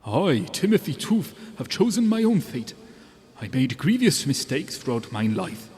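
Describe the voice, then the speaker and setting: Unearthly, melancholy ghost in long reverb. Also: male voice, a little high, very animated, a little mellow. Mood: sorrowful, confessional. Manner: theatrical archaic diction, drawn-out delivery. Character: melancholy ghost of a male writer, haunting and anguished. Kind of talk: tabletop role-play. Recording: long reverb, music underneath.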